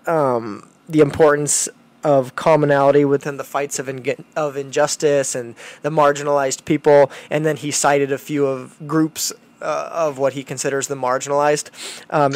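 A man hosting a podcast with casual commentary, halting and rephrasing as he goes. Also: a little high. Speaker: podcast host.

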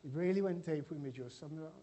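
A man delivers a loose, conversational sermon, joking with the congregation and stumbling through restarts. His voice sits a little high for a man but sounds mellow and warm. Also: fast talker. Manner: chatty and joking, with frequent restarts. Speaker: preacher. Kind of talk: informal church sermon.

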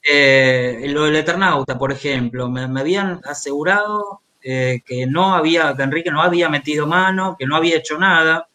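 Fairly high-pitched and sharp in tone, a man with an Argentine accent speaks at normal speed with few pauses. He's an author, journalist and biographer interviewed over a remote video call, conversational and hesitant, often repeating words.

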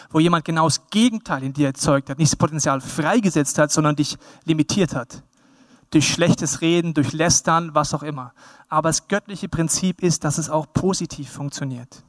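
High-voiced pastor preaching animatedly. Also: male voice, dry recording, clean studio sound. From Bavaria. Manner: lively, animated, acts out quoted people in raised voice. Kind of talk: sermon.

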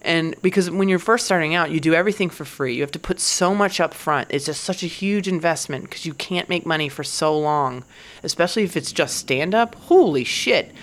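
A woman's voice: low-pitched, a little fast. A woman comedian in her forties, talking in a candid, profane casual monologue and laughing now and then. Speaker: stand-up comedian.

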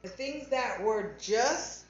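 A woman's voice: fairly high pitch, animated, takes it slowly. Blunt woman in a very echoey room. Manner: blunt and insistent, rhetorical questions. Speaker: podcast co-host. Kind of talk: casual chat. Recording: very echoey, dull podcast audio.

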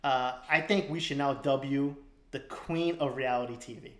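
A man's voice: medium pitch, moderate pace, a bit bright. A man hosting a podcast in casual chat, rambling and laughing often. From East Boston. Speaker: podcast host. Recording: roomy echo.

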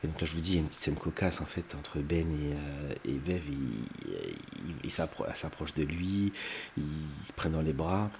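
A man's voice: a bass voice, animated, moderate pace, gravelly, darkish tone, a little hiss or hum. A man hosting a video, retelling a TV film's plot in an unedited, rambling way with many fillers and restarts, now and then acting out lines in a raised voice. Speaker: video host recapping a TV film.

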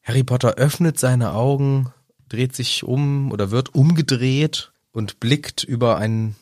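A man's voice: mid-range voice, unhurried, darkish tone, dry recording. Playful male co-host for a casual book-chat podcast, dry close recording. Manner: playful, joking.

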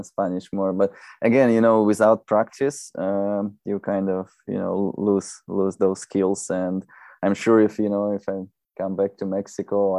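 A man in his thirties from Belarus with a Belarusian accent, a non-native English speaker chatting as a podcast guest in a halting, rambling way. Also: low-pitched, mellow, no room sound. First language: not English. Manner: halting, rambling, often saying "you know". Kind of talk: casual conversational interview.

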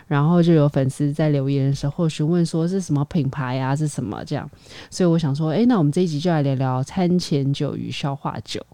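A woman co-hosting a casual podcast, soft-spoken and teasing. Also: sits low, no echo. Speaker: podcast co-host. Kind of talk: casual chat.

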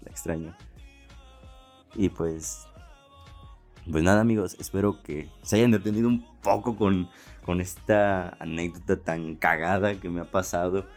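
A man's voice: low voice, fairly even intonation, unhurried, pauses often, a little mellow, soft background music. A young man with a Mexican accent telling a funny story in casual, slangy talk, swearing and laughing often. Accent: Mexican Spanish. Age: young adult. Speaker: podcast host.

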